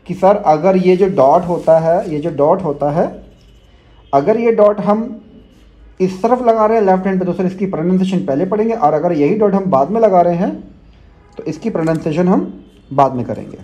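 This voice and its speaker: Patient shorthand teacher, bright-toned man. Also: high-pitched, expressive, normal speed, dull audio. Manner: patient, explains step by step, checks in with students often. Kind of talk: classroom demo lesson.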